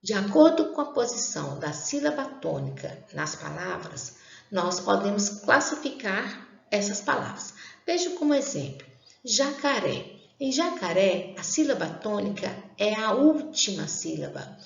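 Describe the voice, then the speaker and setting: Woman teacher, slow and lively. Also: medium pitch, gravelly. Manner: slow, deliberate, stretches out example words. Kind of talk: classroom grammar lesson. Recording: roomy, dull lo-fi sound.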